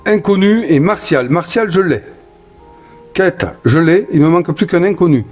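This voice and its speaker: A man with a warm, mellow voice talks his way through a solo board game, move by move. His manner is chatty and enthusiastic. He sometimes trips over his words and apologizes for rambling. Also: sits high, expressive, normal speed, soft background music. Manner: stumbles and corrects himself, apologizes for rambling. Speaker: board game player narrating a solo playthrough. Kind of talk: casual solo game commentary.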